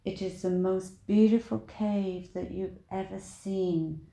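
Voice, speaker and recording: A woman leading a guided meditation in a soothing, deliberate manner, with long pauses between short phrases. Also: mid-range voice, fairly even intonation, vocal fry, warm tone, roomy sound.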